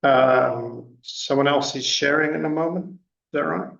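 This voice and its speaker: A man presenting academic research at an online conference, halting, with long pauses. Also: fairly high pitch, gravelly, fairly bright tone. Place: indoors, online video conference call. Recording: roomy, distant, dull online call audio.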